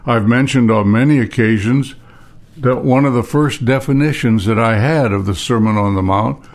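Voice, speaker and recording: An older man preaching a sermon, reading scripture slowly and measuredly, then adding plain asides. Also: mid-range voice.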